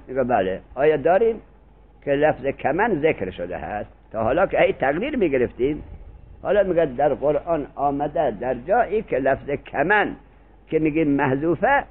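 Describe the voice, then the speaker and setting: Older man, seminary teacher, animated storytelling, fairly high voice, phone-like narrow sound. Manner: animated, acts out quoted dialogue, slow when reciting verses. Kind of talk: Arabic grammar lesson with storytelling.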